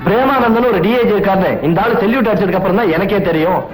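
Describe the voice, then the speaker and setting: An actor playing a cheeky, fast-talking young man. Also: high-pitched, echoey room, natural voice, rough recording. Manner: teasing, glib, quick-talking. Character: cheeky young man, petrol bunk partner. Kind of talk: 1980s Tamil film dialogue.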